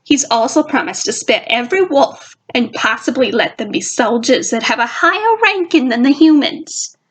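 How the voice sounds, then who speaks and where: A woman's voice: on the high side, lively intonation, normal speed, breathy edge, rough recording. A woman narrating her fan fiction in a put-on jazzy girl voice. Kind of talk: fan fiction audio reading.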